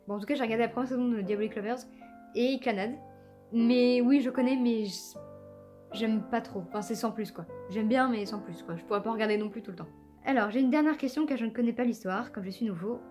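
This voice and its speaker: A young woman with a fairly high voice talks in a chatty, hesitant way, restarting her sentences and filling pauses. She answers fan questions casually, and faint guitar music plays softly behind her. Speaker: cosplayer and aspiring voice actor answering fan questions. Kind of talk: casual chat.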